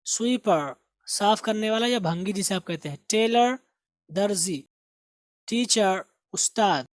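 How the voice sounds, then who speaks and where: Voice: mid-range voice, animated, dry recording. Teacher, patient and repetitive, recorded close and dry. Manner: explains slowly, repeats words for pronunciation. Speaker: English teacher. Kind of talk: spoken grammar and vocabulary lesson.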